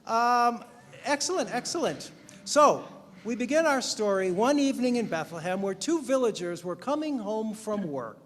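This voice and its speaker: A man's voice: high-pitched, animated, moderate pace. A man leading worship and narrating a Christmas story to a congregation, in an upbeat, coaxing, playful manner. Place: church sanctuary. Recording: reverberant church hall with faint noise.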